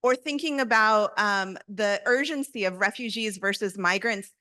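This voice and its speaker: A woman's voice: mid-range voice, normal speed, bright, forceful tone, no room sound. A young woman on a conference stage with a handheld mic, answering audience questions thoughtfully with a string of rhetorical questions. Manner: reflective, poses many rhetorical questions. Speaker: panelist. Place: large conference hall stage.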